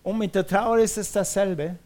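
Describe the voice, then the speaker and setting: A man's voice: high-pitched, fairly even intonation, normal speed, dark tone. A man preaching a sermon, emphatic, repeating his phrases and calling on the congregation to respond. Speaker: pastor.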